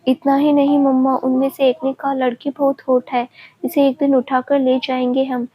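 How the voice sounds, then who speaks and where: A woman's voice: sits high, completely flat delivery, normal speed, breathy edge. A woman voicing a frightened, tearful young daughter who pleads with her mother. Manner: fearful, pleading. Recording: dull lo-fi recording.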